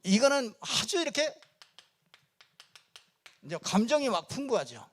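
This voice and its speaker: Man preaching from a church pulpit, high-pitched voice, chatty, animated, lots of fillers, chuckles between points. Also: a little slow. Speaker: pastor. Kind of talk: conversational sermon.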